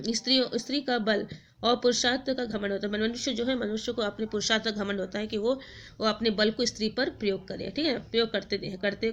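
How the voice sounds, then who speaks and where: A woman's voice: a little high, dull audio, slight background noise. A woman teacher retelling a story for a class, stopping often to explain words, with many fillers and self-corrections.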